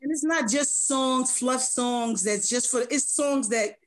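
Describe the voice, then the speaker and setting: A woman music producer talking casually in an interview, her voice slightly hoarse, earnest and full of restarts. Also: high voice, measured pace. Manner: rambling, self-correcting, earnest.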